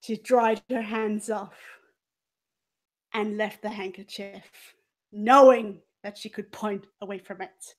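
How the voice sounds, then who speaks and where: In a murder mystery role-play, a woman voices a haughty former cabaret dancer with scheming ways, telling the story theatrically and deliberately with dramatic pauses and swells. She speaks in a mid-range voice with a steady tone.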